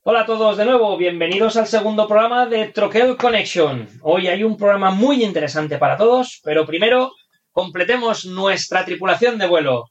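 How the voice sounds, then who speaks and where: A man's voice: high voice, moderate pace. A man hosting a podcast in a conversational presenting style. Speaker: podcast host. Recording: dull, lo-fi microphone sound.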